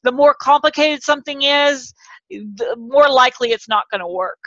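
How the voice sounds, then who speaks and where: A bubbly, enthusiastic woman hosts a talk show, her voice pitched high and quick to laugh. The sound is dry and close, with a slightly dull, lo-fi edge to the recording. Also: fairly bright tone, no room sound. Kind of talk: upbeat interview chat.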